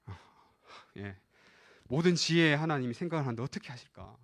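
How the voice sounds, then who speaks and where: A man's voice: a little high, lively intonation, brisk. A man preaching a live sermon as pastor, addressing the young listeners directly and acting out the voices in the scripture. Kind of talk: live sermon to a youth service.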